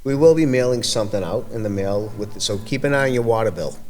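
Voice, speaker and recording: Speaking with a lowish, darkish-toned voice, this Everett, Massachusetts man sounds animated as he chats casually on a podcast in his role as a community event organizer. His talk rambles and halts, full of restarts.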